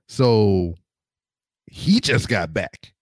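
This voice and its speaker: A man's voice: fairly low pitch, animated, extremely slow, no echo, studio quality. A man guesting on a podcast, telling a story in a casual, slangy, profane way into a desk microphone on camera.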